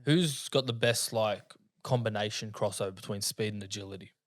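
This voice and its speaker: A man's voice: fairly low pitch, brisk. An Australian man co-hosting a podcast, chatting casually and introducing segments in an upbeat way. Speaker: podcast co-host.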